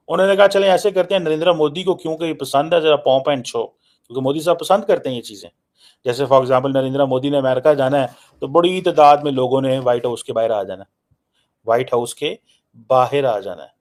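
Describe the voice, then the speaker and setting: A man with a Pakistani accent and a medium-pitched, slightly mellow voice offers informal news analysis on politics. He's emphatic, repeating phrases for effect and slipping English phrases into his speech.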